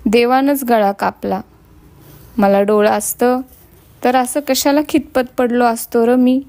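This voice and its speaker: A woman's voice: on the high side, steady tone, takes it slowly, a little mellow. A woman voicing a sorrowful blind village woman. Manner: rustic village speech, sad and pleading.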